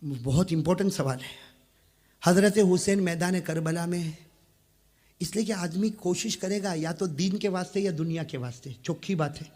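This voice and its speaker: A man from Gujarat preaching an emotional sermon, swinging from quiet talk to impassioned shouting and urging the crowd to answer back. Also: high-pitched, moderate pace. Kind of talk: emotional sermon to a live gathering. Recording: long reverb from a large hall.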